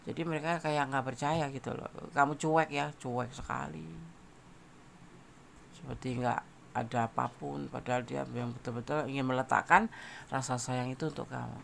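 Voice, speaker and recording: A man's voice: mid-range voice, fairly even intonation, moderate pace, vocal fry, a bit bright, a little hiss or hum. A man giving a casual tarot general reading, talking straight to the listener and repeating phrases. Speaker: tarot reader.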